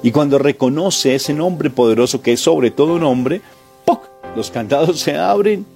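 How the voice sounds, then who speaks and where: A man's voice: fairly high pitch, expressive, a little slow, mellow, faint music behind. A man preaching a sermon, emphatic and full of repeated rhetorical questions.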